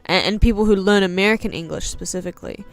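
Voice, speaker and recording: A young woman with a New Zealand accent chats casually while drawing on stream, rambling with plenty of fillers. She's an art streamer and English teacher, and her mid-range voice moves fast with vocal fry, with faint music in the background.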